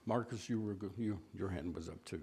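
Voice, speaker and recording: A man's voice: low voice, fairly quick, mellow, a little hiss or hum. A man from West Virginia teaching a church Bible class in a folksy, self-deprecating way, asking the class questions.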